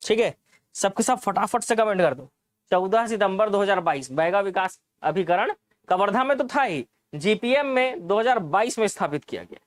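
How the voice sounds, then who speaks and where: A man's voice: sits high, lively intonation, moderate pace, no echo. A man teaching an exam-prep lesson, explaining answers, repeating key points and asking the class rhetorical questions.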